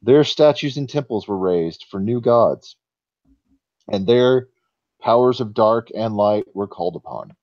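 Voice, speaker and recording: Old solemn giant played by a male game master, mellow and unhurried, reciting legends; dry, muffled sound. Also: fairly low pitch, animated, no echo. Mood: solemn, wistful. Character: ancient sleepy forest giant, solemn storyteller of legends.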